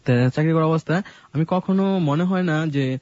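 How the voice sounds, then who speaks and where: A man telling his life story in a casual radio conversation, halting, with many fillers and restarts. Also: fairly high pitch, a little mellow, dry recording. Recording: dull lo-fi radio studio sound.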